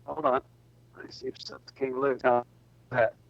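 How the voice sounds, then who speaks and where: A man's voice: medium pitch, little pitch movement, gravelly. Man on a breaking-up call line. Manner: halting, checking whether he is heard. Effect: breaking-up internet call audio. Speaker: panel guest on a call. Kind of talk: casual chat. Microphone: tablet on a video call. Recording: dull, dry video-call audio.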